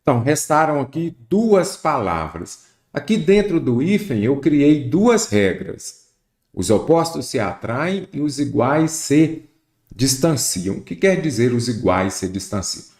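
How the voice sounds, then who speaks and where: A man's voice: mid-range voice, big pitch swings, measured pace, darkish tone. A man teaching an exam-prep lesson, explaining rules step by step and speaking directly to the student. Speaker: Portuguese teacher. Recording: roomy echo.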